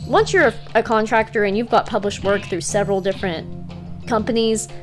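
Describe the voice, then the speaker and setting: A woman's voice: mid-range voice, fairly even intonation, fairly quick, faint music behind. A woman with an Eastern Kentucky accent gives casual advice in a conversational, encouraging way, as in a vlog. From Eastern Kentucky, United States. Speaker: freelance writer giving career tips.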